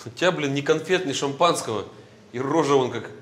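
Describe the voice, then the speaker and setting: A man's voice: mid-range voice, fairly quick, slight background noise, lightly acted. Man doing a grumpy, sarcastic cartoon guy, echoey room. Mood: withering, deadpan. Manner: sarcastic, slangy, exasperated. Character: grumpy, sarcastic young street guy, long-suffering straight man. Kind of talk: animated comedy dialogue.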